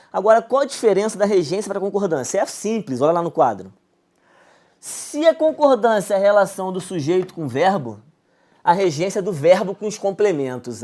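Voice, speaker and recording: A man's voice: fairly high pitch, a little mellow. A young man with a Brazilian accent teaching a casual, chummy online Portuguese grammar lesson, checking in with "beleza?" again and again.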